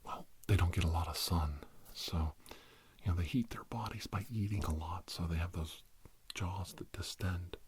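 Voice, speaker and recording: A man acts as a self-styled healing doctor in a rambling ASMR story, hesitant, meandering and earnestly deadpan. His low voice moves at a moderate pace, with a little hiss or hum in the audio.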